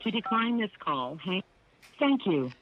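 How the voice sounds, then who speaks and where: A man's voice giving a recorded, automated phone system message in flat, formal prompts over a phone line. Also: high voice, a little slow. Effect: recorded prison phone system message over a phone line. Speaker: automated call announcement. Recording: dull lo-fi phone audio.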